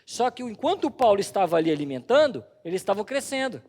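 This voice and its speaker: A man's voice: sits high, big pitch swings, fast talker, darkish tone. A male pastor preaching a sermon in a church, telling stories with emphatic delivery. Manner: storytelling, emphatic. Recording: reverberant church hall.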